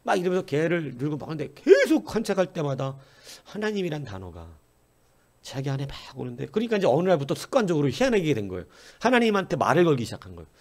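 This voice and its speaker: A man preaching a sermon as pastor, telling a story in a lively way and acting out the quoted speech. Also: a little high, fast talker. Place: church.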